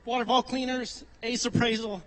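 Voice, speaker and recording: A man who just won a race, talking quickly and emotionally in a post-race interview. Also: very high voice, little pitch movement, a crowd in the background. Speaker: race winner.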